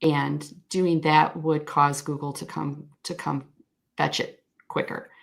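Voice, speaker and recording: A woman's voice: deep voice, little pitch movement, slow, creaky. A woman speaking as a guest expert on a video call, explaining search crawling in a thoughtful, frank way with frequent self-corrections. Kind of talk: conversational explanation.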